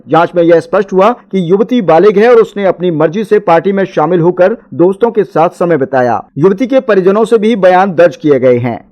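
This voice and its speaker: A male news narrator reads a script in a formal, measured way. His voice sits notably high for a man. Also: a little mellow.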